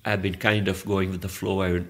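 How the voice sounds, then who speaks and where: This Malayalam speaker from southern India is an arts organizer being interviewed. His voice is low with little pitch movement, at a moderate pace. He gives thoughtful, meandering answers with frequent restarts in a reflective, conversational interview.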